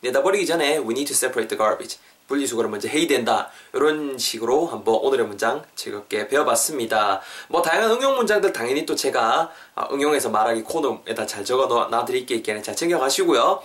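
A man's voice: medium pitch, animated, brisk, hardly any pauses, a bit bright. A man hosting a casual podcast lesson. He is chatty, fills his talk with fillers, and repeats and spells out phrases. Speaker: English teacher and podcast host.

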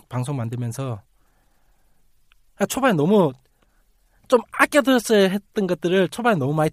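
Guy hosting a chill podcast, kinda high voice, laughs a lot, super dry close mic. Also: no echo. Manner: chatty, laughs often, mimics others. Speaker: podcast host. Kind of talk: casual chat.

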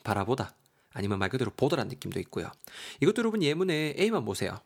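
Male language teacher with a husky voice, casual and talkative, walks through words letter by letter. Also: mid-range voice, very animated, quick pace. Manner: chatty, spells words letter by letter, reads example lines in English. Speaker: English vocabulary teacher. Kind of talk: casual vocabulary lesson.

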